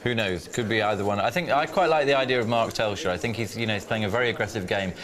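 A man's voice: on the low side, fast talker. A man giving chatty poker punditry, hedging with fillers. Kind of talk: sports punditry. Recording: crowd noise in the venue.

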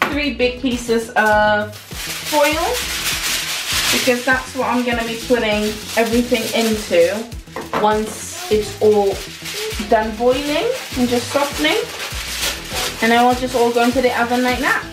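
A young woman chatting through a recipe as she cooks in her home kitchen, hesitant and casual with plenty of ums. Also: fairly high pitch. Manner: chatty, hesitant with many ums, talks while cooking. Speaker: cooking vlogger. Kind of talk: casual cooking walkthrough. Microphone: camera mic in the kitchen.

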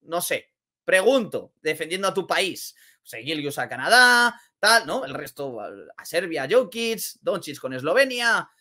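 A man with a Spain Spanish accent giving casual basketball commentary, energetic and exclamatory, repeating phrases for emphasis. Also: sits high, unhurried. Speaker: basketball vlogger.

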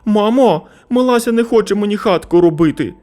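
A man's voice: high-pitched, expressive, normal speed, darkish tone, faint music behind, voice pushed up. A man voicing a capricious three-year-old boy in a children's story. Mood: whiny. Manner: capricious, pestering. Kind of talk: storybook narration.

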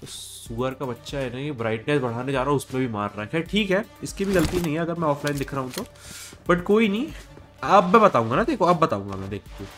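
A young man gives casual commentary over a mobile shooter, sick with a cold and fever. His fairly high voice swings widely in pitch as he grumbles and scolds the enemy. Game music and gunfire play behind him. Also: quick pace. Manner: excitable, scolds the enemy player. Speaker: gaming streamer.

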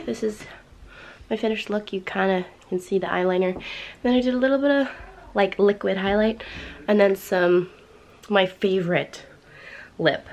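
A sixteen-year-old girl chatting excitedly to her viewers while she gets ready at home for a vlog. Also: mid-range voice, vocal fry. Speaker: vlogger. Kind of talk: get-ready-with-me vlog chat.

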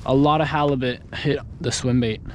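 A young man on a kayak out at sea, talking through his fishing setup in a relaxed, instructive way, recorded on an action camera. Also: mid-range voice, normal speed, dull audio, slight background noise. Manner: relaxed, instructional, talks while handling gear. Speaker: fishing vlogger. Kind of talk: casual outdoor explanation. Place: kayak on open ocean, outdoors. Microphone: action camera on a mount.

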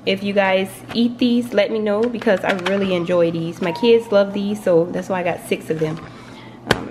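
In her home kitchen, a young college mom of three vlogs a grocery haul, chatting casually and laughing often as she shows off what she bought. Her voice is mid-range, relaxed and talkative, with a noisy background.

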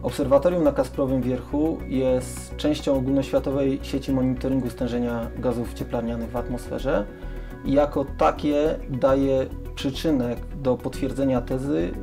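A middle-aged man heading a weather observatory, answering interview questions in a measured, factual way with small hesitations. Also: mid-range voice, steady tone, music in the background. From Poland. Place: small office inside a mountain observatory.

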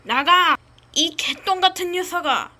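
A woman's voice: very high voice, moderate pace, bright, forceful tone, slight background noise. A woman voicing a bold, brash young boy hero who defies a villain in an amateur cartoon story. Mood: determined, defiant.

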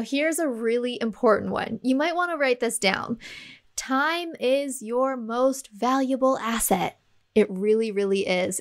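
A woman in her thirties hosts her own podcast, chatting in a relaxed, upbeat way. Her voice sits a little high, and small laughs come between her points. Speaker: podcast host. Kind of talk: casual solo podcast talk.

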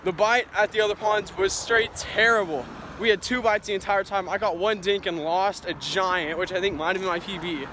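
A teenage boy with a high, bright-toned voice talking casually to his viewers while fishing. He's excitable and throws in dude and bro constantly. It's caught on an action camera outdoors, with faint traffic hum behind him. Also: moderate pace, few pauses. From Texas. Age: teens. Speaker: fishing vlogger. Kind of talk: casual vlog. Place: outdoors by suburban ponds. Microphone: handheld or body-mounted action camera.

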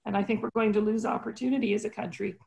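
A woman in her sixties, speaking on a panel over a video call from a home office, measured and earnest with many fillers. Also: medium pitch, steady tone, vocal fry, very noisy. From Canada.

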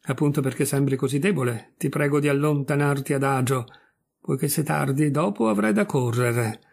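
A man voicing a stern, steady male hunting dog that calmly insists in a storybook reading. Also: medium pitch, moderate pace, gravelly. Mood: firm.

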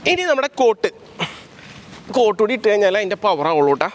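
A man's voice: high voice, big pitch swings, quick pace, slight background noise. A young man chatting playfully to his viewers while making and wearing costume puppets, outdoors. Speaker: vlogger. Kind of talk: casual DIY vlog narration. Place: outdoors, street and park.

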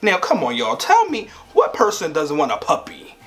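A man's voice: on the high side, wildly swooping pitch, moderate pace, a bit bright, soft background music. A young man in his twenties chatting playfully to camera at home, laughing often. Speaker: vlogger. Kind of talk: casual chat to camera.

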